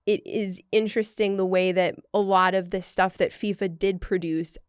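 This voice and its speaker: A young woman co-hosting a podcast in casual chat, upbeat and teasing with quick asides. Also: mid-range voice, fairly even intonation, clear, resonant tone, no echo, clean studio sound. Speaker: podcast co-host.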